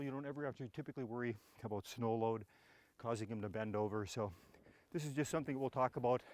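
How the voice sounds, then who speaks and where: A man's voice: mid-range voice, darkish tone, no room sound. A man hosting a gardening video outdoors, talking casually and with enthusiasm while trudging through snow, a bit out of breath. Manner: casual, enthusiastic, plain-spoken. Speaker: gardening channel host. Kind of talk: walking garden tour talk. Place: snowy yard outdoors.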